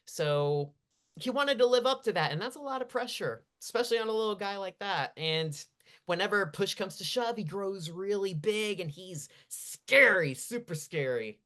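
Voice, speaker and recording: A woman in her thirties hosting a casual studio podcast, laid-back and trailing off softly. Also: medium pitch, animated, normal speed. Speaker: podcast host. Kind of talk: casual chat.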